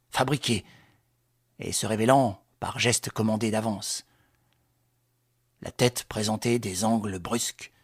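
A man reading a crime novel aloud in measured, dramatic scripted narration with a husky voice. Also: mid-range voice, dry recording, studio quality. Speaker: audiobook reader.

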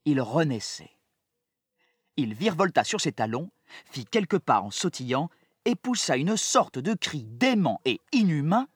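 A man narrating a children's story aloud in an expressive, dramatic audiobook style. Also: on the high side, measured pace, breathy edge, dry recording, clean studio sound. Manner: lively and dramatic, shifting with the story.

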